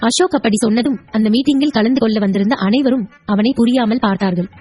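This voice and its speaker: A woman narrating an audio story in an even, formal storytelling manner. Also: on the high side, fast, breathy edge, faint music behind.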